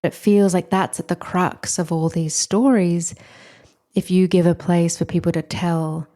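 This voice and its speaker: A woman hosts a podcast interview and asks questions with thoughtful, gentle phrasing. She speaks unhurriedly and at length, in a warm, mellow tone that sits slightly low. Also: fairly even intonation, a little slow. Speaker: podcast host.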